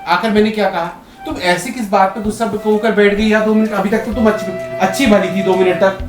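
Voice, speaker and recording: A man's voice: sits high, steady tone, brisk, over music. Guy arguing w his wife, keeps asking what happened, echoey room. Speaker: husband in a staged prank. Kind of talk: casual domestic argument.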